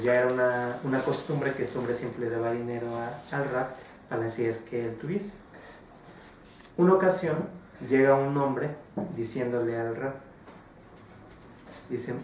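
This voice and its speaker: A man teaching a religious class, telling a story in a conversational way with many filler words and tag questions. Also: mid-range voice. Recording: very echoey room, voice far from the mic, faint noise.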